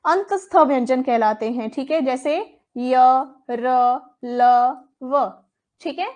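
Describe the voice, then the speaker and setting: A woman's voice: high voice, lively intonation, takes it slowly, a little mellow. A woman teaching a Hindi grammar lesson for exam coaching. She repeats terms and asks questions, then answers them herself.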